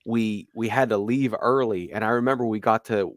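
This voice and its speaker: Animated swearing male podcast storyteller. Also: on the low side, normal speed, no echo, studio quality. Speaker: podcast co-host. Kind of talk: casual sports chat.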